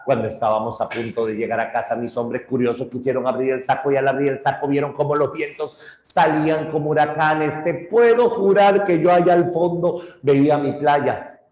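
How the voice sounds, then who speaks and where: A man teaching literature, retelling a myth in an animated way and acting out its characters. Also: medium pitch, lo-fi sound, a little hiss or hum. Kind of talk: storytelling lesson. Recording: roomy echo.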